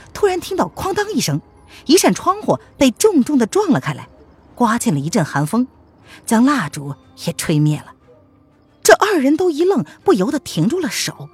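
A woman narrating a martial-arts story as an audiobook, in an expressive storytelling manner. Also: on the high side, breathy edge.

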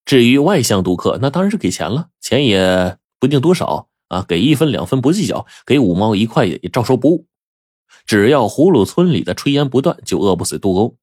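A man narrating a story in a lively storytelling manner, drawing out little particles at the ends of phrases. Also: medium pitch, fairly quick, husky, no echo, clean studio sound.

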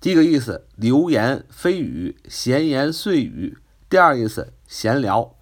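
A man's voice: very animated, unhurried. A man teaching English vocabulary, spelling words out letter by letter and explaining them in Mandarin. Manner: rises in pitch on questions. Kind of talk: vocabulary lesson.

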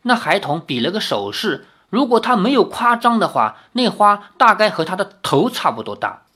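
A woman reading a novel aloud, pausing for casual explanatory comments. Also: medium pitch, very animated, fairly bright tone, breathy edge. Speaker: reader.

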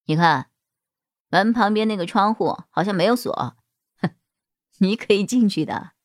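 A woman storyteller voicing a male shop boss who talks in a lowered, coaxing, soothing way. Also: animated, a little slow, no echo, studio quality, lightly acted. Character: gruff flustered male shop boss, gentle underneath.

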